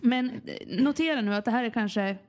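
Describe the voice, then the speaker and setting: A young woman with a slightly high voice, co-hosting a podcast. She chats casually and teases her friend with dry one-liners. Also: a little mellow. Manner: teasing, dry quips. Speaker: podcast co-host. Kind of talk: casual chat.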